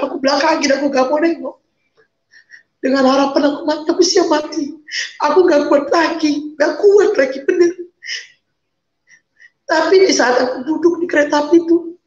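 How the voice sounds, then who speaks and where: Lady telling her story on a video call, emotional, keeps repeating herself, high voice, sounds dull and roomy. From Medan, North Sumatra. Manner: emotional, pleading, repeats phrases. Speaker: guest. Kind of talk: emotional personal testimony.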